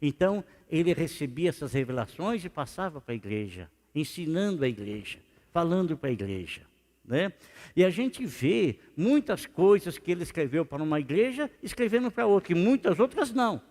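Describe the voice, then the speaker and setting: Male pastor, higher voice, chatty questioning sermon, echoing church. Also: sing-song, brisk, a little mellow. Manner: conversational preaching with rhetorical questions. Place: church sanctuary. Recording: reverberant church hall.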